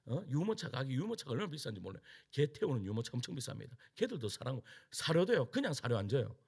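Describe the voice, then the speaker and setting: Middle-aged male pastor, Gyeongsang Korean accent, gravelly and husky, wildly animated storytelling sermon. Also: mid-range voice, fast. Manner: animated storytelling with acted-out quotes and frequent laughter. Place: church sanctuary.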